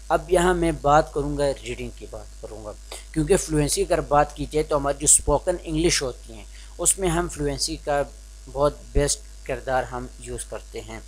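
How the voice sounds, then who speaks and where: A man's voice: fairly high pitch, breathy edge. A young man from Pakistan giving an informal spoken lesson on reading skills, hesitant and restarting often, slipping into English phrases. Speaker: teacher explaining reading skills.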